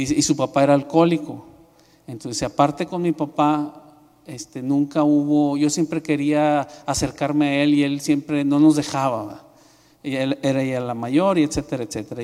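A man's voice: on the high side, a little mellow. A man preaching a sermon as pastor, telling a story with many fillers and restarts. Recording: long reverb in a hall.

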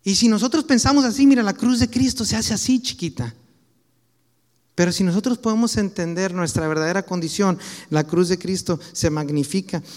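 A man's voice: high-pitched, brisk, long reverb tail. A man with a Mexican Spanish accent preaching a sermon in a conversational, anecdotal way, full of casual slang.

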